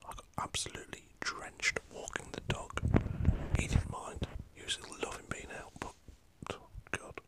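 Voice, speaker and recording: Whispering to a camera set up in front of him, a northern English man rambles through a chatty football talk for an ASMR channel, swearing mildly now and then. His pace is moderate, and the recording quality is low.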